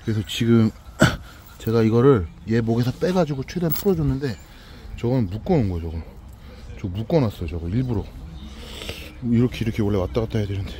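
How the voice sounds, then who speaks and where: A man talking gently to two shy country dogs outdoors as he feeds them, with coaxing baby talk and many repeated words. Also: medium pitch, brisk, slight background noise. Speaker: vlogger feeding rural dogs. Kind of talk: casual talk to dogs and camera.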